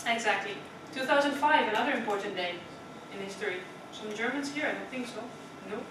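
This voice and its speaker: A young Dutch woman with a slightly high voice and a somewhat quick pace gives a prepared talk to a club in a meeting room. She's chatty, asks the audience questions, and often tacks on "right?". The recording is distant, echoey and noisy.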